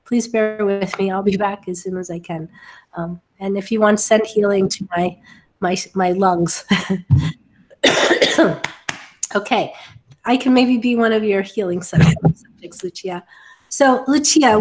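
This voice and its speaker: A woman's voice: mid-range voice, moderate pace, darkish tone, slight background noise. A middle-aged woman hosting a casual webinar over a video call, sounding a little short of breath from bronchitis. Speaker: webinar host. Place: home office, indoors, on a video call.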